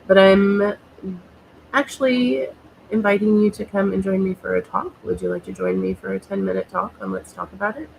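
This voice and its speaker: A woman's voice: mid-range voice, expressive, normal speed, gravelly, darkish tone, a little hiss or hum, rough recording. An American woman hosting a casual talk, nasal from a cold, speaking in hesitant, rambling phrases with many fillers. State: has a cold. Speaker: host.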